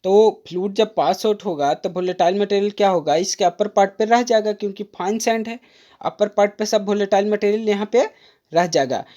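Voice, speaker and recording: A woman tutor talks students through a diagram in a mellow, warm voice, patient and repetitive. She addresses listeners as friends and slows right down to read out textbook definitions. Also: medium pitch, highs cut off. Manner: patient, repetitive, addresses viewers as friend, mixes in English terms; reads English definitions aloud slowly. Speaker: diploma course tutor. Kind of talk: exam-prep lecture, explaining a diagram.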